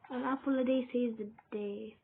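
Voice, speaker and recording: A British woman chats her way through a game, rambling to herself in a fairly high voice. The sound is thin and phone-like, with steady noise underneath. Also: moderate pace, creaky. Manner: rambling, chatty self-talk. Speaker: gamer. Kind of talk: casual gameplay commentary. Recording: tinny lo-fi with noise.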